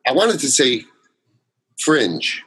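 Male guest, husky timbre, mid pitch, loose rambling delivery with lots of "uh"s. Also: very animated, slow pace, bright, forceful tone, rough recording. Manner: rambling storyteller, many fillers and restarts. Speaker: guest, solo theater performer. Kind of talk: casual interview chat.

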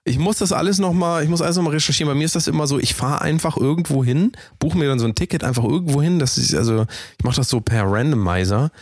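A man's voice: fairly high pitch, fast talker, a little mellow, dry recording, clean studio sound. A man co-hosting a podcast in joking, casual chat, with playful mock-announcer flourishes. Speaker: podcast co-host.

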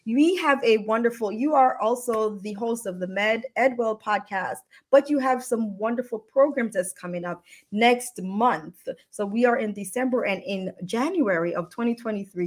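A woman hosts a casual live-streamed interview with a bubbly, effusive manner. Her voice sits at a middling pitch and she laughs easily. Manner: upbeat and effusive, laughs often.

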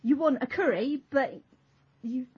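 Woman rambling on a podcast, husky, muffled lo-fi sound. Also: high voice, a little slow. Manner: rambling, self-interrupting, trailing off. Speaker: podcast co-host. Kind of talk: casual podcast chat. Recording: dull lo-fi audio.

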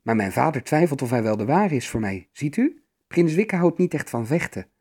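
A man's voice: medium pitch, big pitch swings, moderate pace, darkish tone, slightly rough. A man voicing a young princess in love who talks in an earnest, pleading way.

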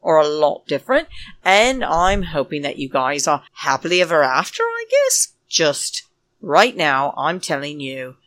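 A woman's voice: sits low, wildly swooping pitch, measured pace, a bit bright, no echo. Catty woman ranting on a podcast. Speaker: podcast host. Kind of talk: solo podcast recap.

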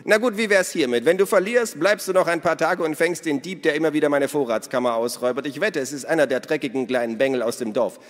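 A brash, sly middle-aged woman who cackles and teases her way through every sentence, as a male storyteller puts her on. Her voice sits well above his own low register and comes out loud. A long hall reverb trails behind it. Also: quick pace, few pauses, natural voice. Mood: boisterous.

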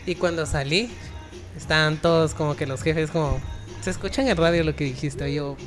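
A man's voice: fairly high pitch, fairly quick, faint music behind. A man, hosting a podcast and telling joking, slangy work stories. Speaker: podcast host. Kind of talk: casual podcast chat.

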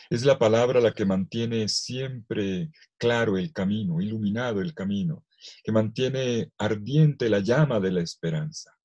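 A priest giving a scripture lesson to clergy, reading aloud with expressive emphasis and acting out the quoted lines. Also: male voice, fairly low pitch, husky.

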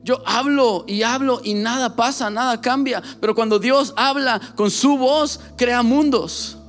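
High-voiced man preaching passionately. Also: a little slow, a bit bright, faint music behind. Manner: passionate, direct, repeats phrases for emphasis. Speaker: pastor. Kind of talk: sermon.

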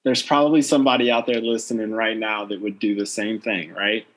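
A man's voice: on the low side, fairly even intonation, a little fast, a bit bright. A man hosting an interview podcast in an informal, encouraging way, moving between conversation and narration.

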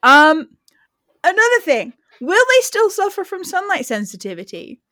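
A woman's voice: extremely high pitch, big pitch swings, normal speed, pushed and bright, no echo, studio quality. A woman co-hosting a podcast in casual chat, speaking frankly with swearing and frequent laughter. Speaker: podcast co-host.

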